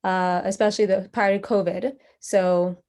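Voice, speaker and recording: A woman's voice: mid-range voice, little pitch movement, moderate pace, darkish tone. Woman host on a video call, friendly and informal opening. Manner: friendly, slightly informal with fillers. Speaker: host of a charity event. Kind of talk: event introduction.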